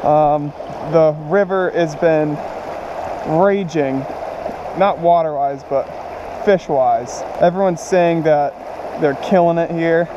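A man hosting a fishing vlog while wading in a river, casual and excitable, filmed on a body-worn action camera. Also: on the high side, background noise. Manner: excited, shouting at catches. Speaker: fishing channel host. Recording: dull action-cam audio, rushing river.

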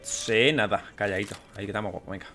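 A young man doing let's play commentary, excitable and swearing as he plays. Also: fairly low pitch, quick pace, slight background noise. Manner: excitable, swears often, exclaims mid-game. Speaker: gaming YouTuber.

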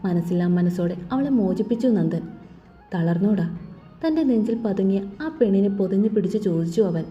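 A woman reads a romance story aloud in a steady, measured voice. The recording is dull and lo-fi, with a long reverb and faint music underneath. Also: medium pitch. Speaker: narrator. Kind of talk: storybook narration.

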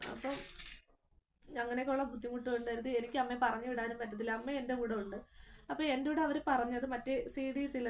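A young woman, earnestly retelling a hard family hospital stay in a casual vlog, with many fillers. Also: fairly high pitch. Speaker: vlogger. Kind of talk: casual personal storytelling.

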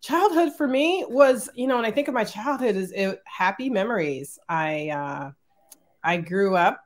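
A middle-aged woman, an executive, telling childhood stories as an interview guest over a video call, animated and laughing often. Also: mid-range voice, normal speed. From born in Germany, raised in Northern California. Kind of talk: casual storytelling.

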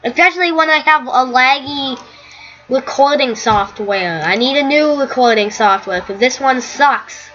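A woman's voice: high-pitched, measured pace, fairly bright tone, muffled recording. A young woman talking casually over her own gameplay as a YouTuber, rambling and easily startled. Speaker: gaming YouTuber.

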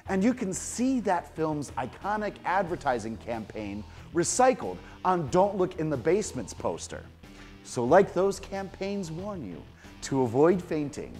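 A man's voice: medium pitch, a little mellow. A man hosting a late-night horror movie show, giving film trivia with sarcastic asides. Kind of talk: TV host segment, trivia with jokes.

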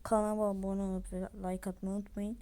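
A woman's voice: mid-range voice, little pitch movement, brisk, heavy background noise. A woman hosting a gaming channel, chatting to viewers and voicing characters in the game. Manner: chatty, addresses viewers often. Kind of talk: game commentary with voiced characters.

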